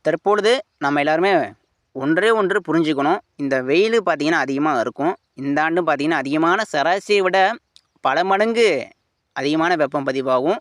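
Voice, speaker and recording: Fairly high dry-voiced forecaster man. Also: normal speed, a bit bright, no room sound. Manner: colloquial Tamil, repeats "you see" tag often. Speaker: weather forecaster. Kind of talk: unscripted weather forecast talk.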